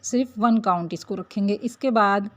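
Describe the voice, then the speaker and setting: A woman teaching Quran recitation, patiently drawing out syllables one by one to show how they are said. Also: medium pitch. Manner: patient, slow drawn-out syllable demonstrations. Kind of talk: tajweed lesson. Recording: dull lo-fi recording.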